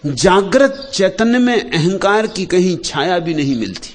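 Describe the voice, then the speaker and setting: Man, spiritual discourse, slightly high voice, very lively pitch, slow with long pauses. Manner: slow, unhurried delivery with long pauses and lists; rises and falls sharply between soft low phrases and loud emphatic ones. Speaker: spiritual teacher.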